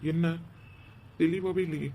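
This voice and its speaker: A man's voice: on the high side, steady tone, a little slow, dark tone, a little hiss or hum. A man voicing a caring young man in a cartoon who firmly questions and insists. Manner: firm, questioning.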